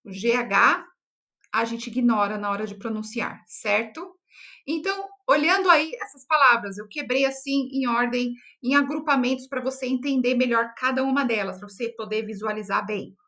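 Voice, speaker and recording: A bright, fairly high-voiced young woman from Brazil runs an online English lesson. She talks patiently and clearly, drilling words slowly and checking in with quick little questions as she goes. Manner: checks in often with short tag questions. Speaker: English teacher.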